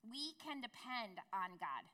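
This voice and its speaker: A woman pastor preaches a sermon in a conversational way and often turns to the congregation with asides. Her voice sits a little high and sounds bright and forward. The reverb of a large church hall trails behind each phrase. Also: sing-song, slow pace. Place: church sanctuary.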